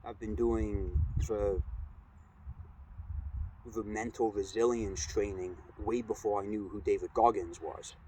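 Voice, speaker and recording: Low-voiced man over steady background noise. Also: poor audio. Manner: earnest, measured, halting delivery. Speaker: cold exposure vlogger. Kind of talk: casual reflective vlog monologue.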